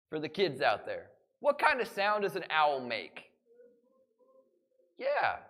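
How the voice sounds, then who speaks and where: A man's voice: on the high side, fairly bright tone. A man giving a playful live educational talk as a falconer, quizzing a family audience with questions in an indoor library room.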